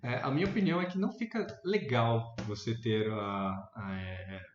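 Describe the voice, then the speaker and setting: A man with a Brazilian accent making his points in a casual debate, thinking aloud with restarts and sudden animated rises in pitch. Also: moderate pace, slight background noise. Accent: Brazilian Portuguese. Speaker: debate panelist. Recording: echoey room, dull lo-fi sound.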